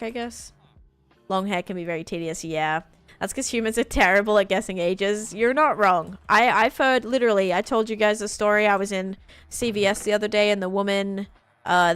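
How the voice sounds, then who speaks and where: An Australian woman in her late twenties chats casually while streaming a game, rambling and using lots of fillers. Her mid-range voice has a clean tone, with no echo.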